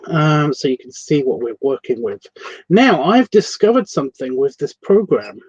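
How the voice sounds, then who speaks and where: The host of this casual online art tutorial is a Scottish man whose voice runs on the high side, sing-song and slightly breathy, at a normal pace. Streaming from his computer, he rambles, corrects himself and swears casually. There's no echo, and the sound is dry, a bit muffled and lo-fi.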